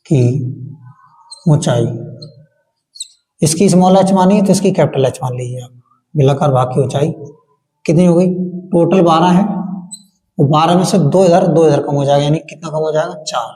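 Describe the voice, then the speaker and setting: This male maths teacher has a fairly high pitch and a dark tone, and he solves board-exam problems one step at a time. He keeps asking the class questions only to answer them himself, chanting times tables along the way, all with long hall reverb.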